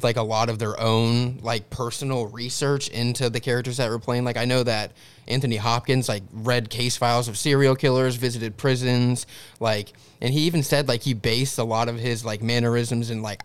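Smooth-voiced guy saying "like" a lot. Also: mid-range voice. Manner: casual, heavy use of "like". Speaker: podcast co-host. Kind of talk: casual film discussion.

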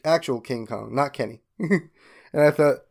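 A young man in casual podcast chat, animatedly retelling a cartoon's plot and jumping into high voices for quoted lines. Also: normal speed, gravelly, darkish tone. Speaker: podcast co-host.

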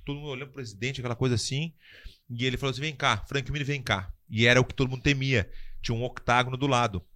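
Quick guy spinning a yarn, acts out the voices, laughs a lot. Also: mid-range voice. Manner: animated, acts out quotes, laughs often. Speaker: podcast guest telling a fight-world story. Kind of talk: casual storytelling chat.

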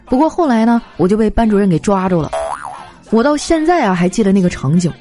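A young woman telling comic anecdotes in a chatty, animated way, slipping into voices for the people in her stories. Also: medium pitch, fast talker. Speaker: comedy storyteller. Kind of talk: scripted comic monologue. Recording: light background music. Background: faint music.

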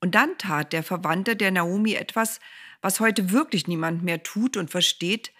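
A woman's voice: fairly low pitch, moderate pace, sharp tone. A woman narrating a Bible story for children, speaking directly to her young listeners.

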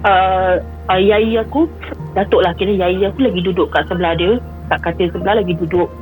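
A woman's voice: lowish voice, steady tone, fairly quick, darkish tone, soft background music, poor audio. A woman, calling in to tell a personal story and slipping English phrases into her telling, often repeating herself. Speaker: caller. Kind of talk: personal storytelling on a call-in show.

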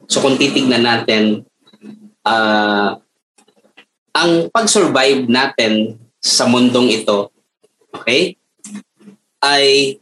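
A man, a guest doctor, explaining slowly and often checking in with the listener with rhetorical questions. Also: medium pitch, a bit bright, a little hiss or hum, rough recording. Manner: rhetorical questions, repeats "okay?" and "di ba?". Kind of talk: slow explaining talk.

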